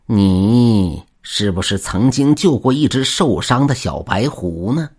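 A man voicing a sinister old Taoist priest in an audio story, speaking slowly and menacingly with drawn-out words. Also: lowish voice, animated, a little mellow, breathy edge. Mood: impatient.

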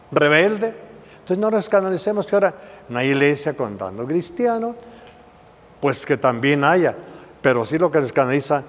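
Male preacher, fairly high voice, fervent and repetitive, sermon delivery. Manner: impassioned, repetitive emphasis. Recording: long hall reverb.

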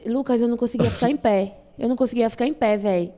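A woman's voice: a little high, fast. A woman telling a dramatic story in casual chat, repeating herself for effect. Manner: animated, dramatic storytelling with repetitions.

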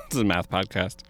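A man's voice: low-pitched, a bit bright. A man co-hosting a podcast in a joking, casual chat outdoors, laughing often. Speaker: podcast co-host.

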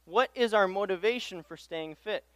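A young man from Tanzania, a pastoral intern, delivers an informal guest sermon at the pulpit. His voice sits high and moves at normal speed, and the recording is rough though free of room sound. He talks casually, pokes fun at himself, and repeats phrases often.

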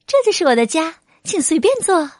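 A woman voicing a cheerful, sweet little country mouse in a storybook reading, gentle and eager. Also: extremely high pitch, lively intonation, measured pace, dry recording, pitched above the performer's own voice. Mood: welcoming.

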